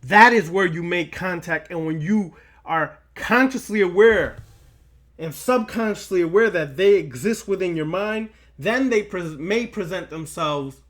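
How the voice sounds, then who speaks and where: A man with a high-sitting, fairly bright voice delivers an occult spiritual lecture directly to his listeners. He's emphatic, repeating phrases to give them weight.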